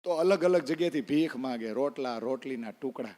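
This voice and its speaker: Here the preacher's voice is mid-range and mellow, his delivery brisk. He narrates a devotional story in a sermon, dramatizing the characters' words and asking the congregation questions, while the temple hall adds a long reverb.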